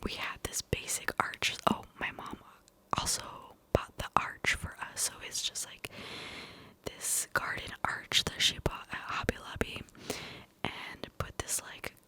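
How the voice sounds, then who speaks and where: A woman's voice: unhurried, sharp tone, low-quality recording. Woman whispering into cupped hands, ASMR. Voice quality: breathy, unvoiced cupped whisper. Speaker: ASMR video creator.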